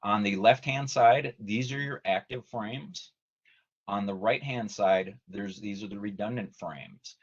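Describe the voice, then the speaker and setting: This man's voice is deep and husky. He's a technical trainer and company presenter delivering a semi-scripted, measured explanatory webinar in an online meeting, with dull lo-fi video call sound.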